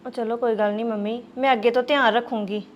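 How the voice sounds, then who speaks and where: A woman's voice: on the high side, steady tone, quick pace, muffled recording, slight background noise, lightly acted. A young woman playing a married daughter who apologizes and pleads with her mother in a family drama. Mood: apologetic.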